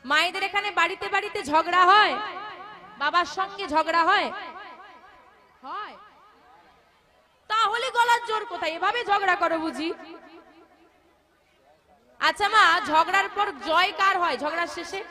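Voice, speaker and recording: Female kirtan lead, very high voice, playful crowd-teasing, live band and crowd behind. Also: measured pace, long pauses. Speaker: kirtan singer. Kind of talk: devotional kirtan with audience banter. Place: live stage before a crowd. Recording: live music and crowd noise.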